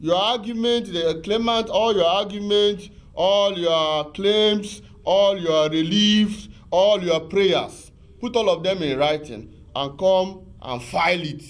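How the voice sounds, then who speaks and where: A legal expert appearing as a guest on a TV talk show explains arbitration law in a high-sitting voice at a slow pace. He is patient and repetitive, with plenty of fillers and restarts.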